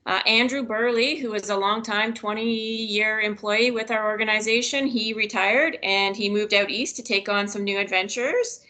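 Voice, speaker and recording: Bright-voiced woman on a video call. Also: medium pitch, steady tone, moderate pace, hardly any pauses. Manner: upbeat, giggly after a mishap. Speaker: staff manager giving team announcements. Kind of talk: casual work video call announcements. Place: home office.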